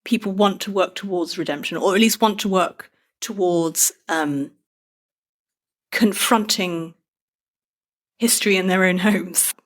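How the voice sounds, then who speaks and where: A British woman appears as a guest author, discussing her book in a conversational interview. She's thoughtful and self-deprecating, speaking with a British accent in a lowish voice at a measured pace, and she pauses often.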